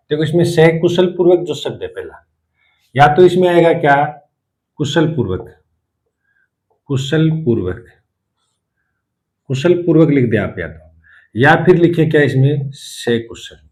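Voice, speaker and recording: A male Hindi lecturer giving a spelling lesson, explaining patiently and repeating each word slowly. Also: mid-range voice, a little mellow. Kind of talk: classroom lesson on correct spelling.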